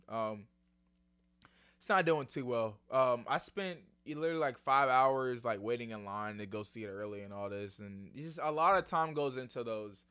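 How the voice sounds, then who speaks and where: Lively, bright-voiced young man vlogging. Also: mid-range voice, clear, resonant tone. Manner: excitable, slangy, addresses viewers as y'all. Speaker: YouTube channel host. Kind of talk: casual trailer breakdown vlog.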